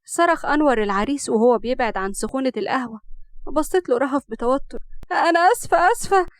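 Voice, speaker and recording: A woman with an Egyptian accent narrating a family story in a brisk, lively way. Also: on the high side, dry recording. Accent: Egyptian Arabic.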